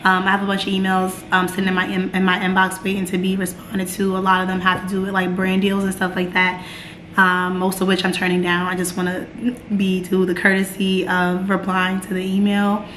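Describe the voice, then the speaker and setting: A young American woman with a hoarse, raspy smoker-like voice, chatting casually to camera in a vlog. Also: mid-range voice, monotone, a little fast, a bit bright. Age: young adult. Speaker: vlogger. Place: bright open-plan apartment, indoors. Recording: roomy echo, clear background noise.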